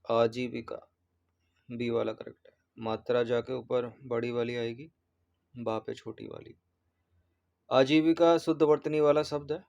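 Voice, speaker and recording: Male tutor, steady monotone delivery, patient, repeats each word while walking through answers. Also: medium pitch, a little slow, creaky, pauses often, highs cut off. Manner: repeats words, corrects spellings patiently. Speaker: exam prep teacher. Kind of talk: explaining test answers.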